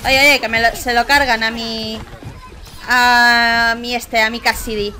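A young woman from Spain with a Spanish accent, giving excitable live gameplay commentary and often shrieking and laughing. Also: a little high, measured pace. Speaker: gaming YouTuber.

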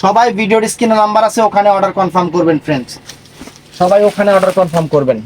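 A man giving a live online sales pitch in an emphatic, repetitive patter. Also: racing, a little hiss or hum. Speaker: online saree seller.

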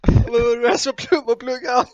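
A man's voice: very high voice, no echo, lo-fi sound. A man co-hosting a live stream, talking in casual gaming banter and swearing freely.

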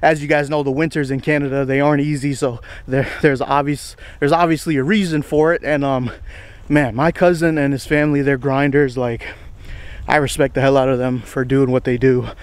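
A man's voice: mid-range voice, little pitch movement, fairly quick, clean tone, no room sound. A man in his twenties talking casually to the camera while walking a wooded trail, rambling in slang and a little out of breath. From United States. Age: 20s. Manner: rambling, slangy, self-deprecating, says bro a lot. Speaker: vlogger. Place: outdoors on a wooded estate trail.

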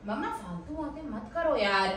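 A woman scolding a friend and urging him to calm down, at home. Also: on the high side, normal speed, slight background noise. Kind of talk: staged prank argument. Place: indoor home room. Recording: very echoey room, far from mic.

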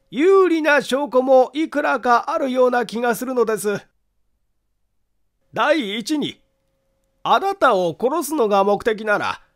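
In an audiobook mystery, a man voices a grave, secretive character who calmly and politely argues that his friend is innocent, speaking in a deliberate way. He uses a very high voice, pitched above his own natural one.

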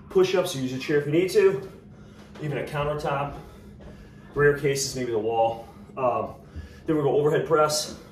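A man coaching an interval workout at home, congested and breathing heavily, giving short cues and clearing his throat often. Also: mid-range voice. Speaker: fitness trainer. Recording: roomy, distant, noisy home recording.

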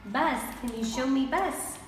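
A woman's voice: high-pitched, measured pace. A young woman teacher speaking to a toddler in simple short questions and encouraging praise, recorded indoors in a small classroom. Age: young adult. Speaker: English teacher of a young child. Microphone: camera a few feet away. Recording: echoey room, distant mic, noisy background.

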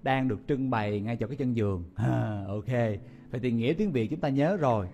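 A man's voice: mid-range voice, fairly quick, mellow, lo-fi sound. A man teaching vocabulary in a playful, exclaiming way, often repeating each word. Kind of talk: memory-palace vocabulary lesson.

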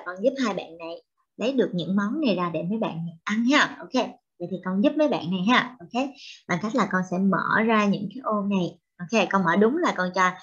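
A young woman with a Vietnamese accent, a native Vietnamese speaker, teaching children English vocabulary in a slow, drawn-out, cheerful way. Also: mid-range voice, a bit bright, breathy edge. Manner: switches between English and Vietnamese. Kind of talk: bilingual children's vocabulary lesson. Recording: dull lo-fi recording.

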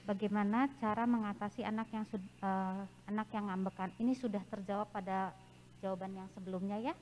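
Woman, moderator, halting reading of questions, mid pitch, noisy background. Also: fairly even intonation, a little mellow. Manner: halting, reads slowly from notes with fillers.

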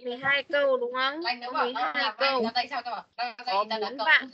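Woman, English teacher, online lesson, dull video-call audio, quick corrections. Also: high voice, over a noisy crowd. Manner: quick, switches between coaching and correcting.

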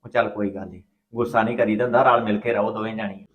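A patient young husband, played by a man who keeps the peace with quick, placating words in a web drama. He speaks fast in a roomy, echoing room. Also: on the low side, narrow, tinny audio, lightly acted. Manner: calm, placating. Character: patient young husband soothing mother and wife.

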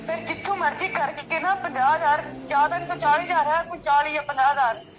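A woman's voice: sits high, fairly even intonation, fast, noisy background. A woman phoning as a scam caller who claims to be an aunt, pleading and insistent, sometimes crying.

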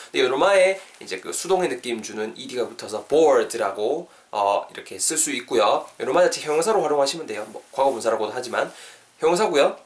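A man from South Korea gives a video English lesson in a middle-pitched voice. He talks in an upbeat, coaxing way and slows right down to spell words out letter by letter. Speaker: English teacher.

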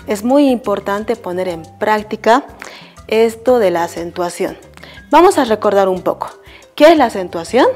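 A woman primary school teacher with a Bolivian Spanish accent gives a televised lesson at a mid pitch. She speaks slowly and patiently, asking the children questions and answering them herself with warm praise in between.

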